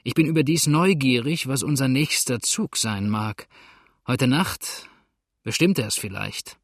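A gruff, scarred boat steersman with a steady, commanding manner, as a male storyteller puts him on. He talks in curt orders at an ordinary pitch. The reading is close and dry. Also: unhurried, dry recording.

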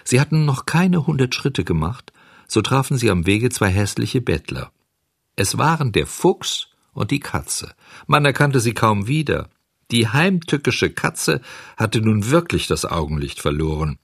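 A man narrating a children's story as an audiobook, measured and expressive, on a close microphone. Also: lowish voice, vocal fry, slightly rough, no echo.

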